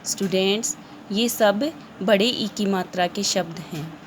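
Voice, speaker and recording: A woman's voice: mid-range voice, measured pace, slight background noise. A woman teacher with an Indian accent, giving an online lesson and stressing each word as she reads lists of words aloud. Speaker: school teacher.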